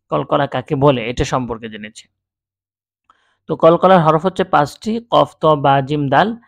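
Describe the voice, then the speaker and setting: Male Quran teacher, slow and patient, gravelly, slightly high voice. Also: no room sound. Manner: slow and patient, sounds out letters with firm stress. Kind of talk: step-by-step recitation lesson.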